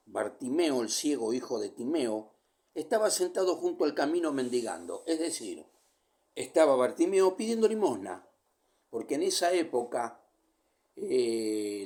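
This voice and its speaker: A man preaching a sermon, reading scripture verse by verse and explaining it, his voice swinging from loud calls down to near whispers. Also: mid-range voice.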